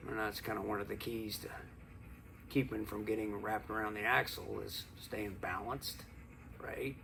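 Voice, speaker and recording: A middle-aged man talking casually to camera in a calm, unhurried, folksy way, like a plain-spoken motivational teacher. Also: fairly low pitch, vocal fry. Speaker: video host and teacher. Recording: some background noise.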